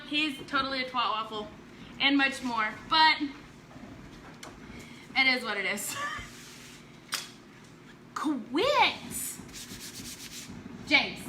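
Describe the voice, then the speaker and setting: A woman with a high voice talks slowly and pauses often over a noisy background. She runs a relaxed home live stream showing chalk crafts, bantering and teasing viewers and laughing a lot.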